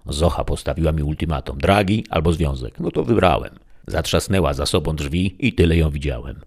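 A man's voice: extremely low pitch, animated, brisk, gravelly. A man narrating a first-person story in a wry, sardonic manner.

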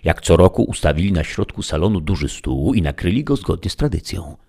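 A man reading a story aloud as an audiobook narrator, in a measured, dramatic way. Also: deep voice, sing-song, darkish tone, slightly rough. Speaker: audiobook reader.

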